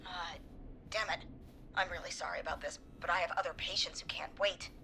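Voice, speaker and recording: Hushed, hurried hospital nurse. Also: female voice, lowish voice, fairly even intonation, slight background noise. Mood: instructive. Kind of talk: video game voice acting.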